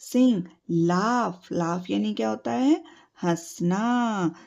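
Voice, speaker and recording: Slow, patient Hindi-speaking woman tutor. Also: mid-range voice, vocal fry, a little mellow. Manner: slow, drilling repetition with spelled-out letters and quiz questions. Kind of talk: teaching English verbs to children in Hindi. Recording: dull lo-fi home recording.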